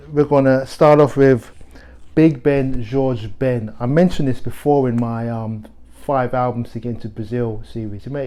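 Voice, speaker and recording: A middle-aged record shop host chats to camera about his favourite records, giving casual music recommendations. His mellow, dark voice sits at an ordinary middle pitch, and his relaxed, conversational manner is full of fillers and frequent restarts of sentences.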